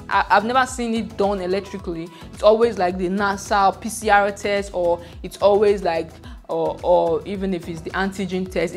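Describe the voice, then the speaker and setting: A woman travel vlogger talks casually from a seaside resort, in a friendly, chatty way. Her sentences wander and are dotted with "like" fillers. Her pitch sits at an ordinary middle level, with soft music playing faintly behind her. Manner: chatty, conversational, with frequent "like" fillers.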